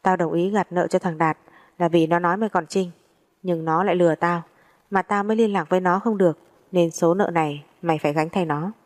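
A woman's voice: fairly low pitch, steady tone, fairly quick, a little mellow, close to an everyday voice. A woman reading the part of a brutal male debt collector, who speaks in a coarse, contemptuous, menacing way in a storybook reading.

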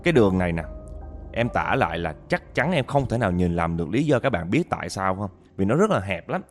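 A man's voice: sits low, sing-song, a little fast, faint music behind. A man narrating a listener's ghost story, talking straight to his audience with dramatic storytelling.

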